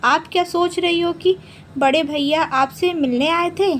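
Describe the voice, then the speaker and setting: A woman voicing a sharp-tongued young daughter-in-law who speaks out loudly and bitingly. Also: extremely high pitch, unhurried, slight background noise. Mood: defiant. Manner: loud, biting, outspoken.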